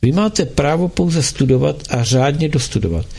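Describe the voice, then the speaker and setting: A man's voice: on the high side, animated, gravelly, a little mellow, slightly rough, exaggerated voice. A man voicing a stern middle-aged doctor who scolds his son in an authoritative tone.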